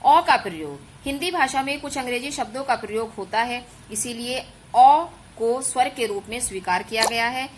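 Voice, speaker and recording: A woman's voice: on the high side, normal speed, few pauses, a little hiss or hum, rough recording. Patient woman teacher explaining grammar. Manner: patient, explains step by step, stretches out sounds as examples; addresses pupils as children. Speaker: school teacher. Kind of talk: online Hindi grammar lesson.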